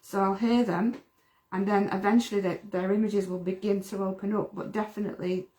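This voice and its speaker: A woman's voice: mid-range voice, steady tone, brisk, darkish tone. A middle-aged woman from the UK, a medium chatting earnestly on a livestream and often repeating words. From United Kingdom. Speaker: medium, co-host. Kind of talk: casual livestream chat.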